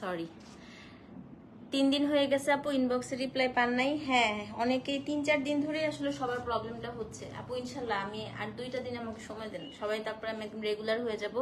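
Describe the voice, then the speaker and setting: A woman hosting a casual live stream to sell saris, feverish and in pain, speaking slowly and softly and mixing in English phrases. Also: a little high, slight background noise. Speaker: online shop owner selling saris on a live stream.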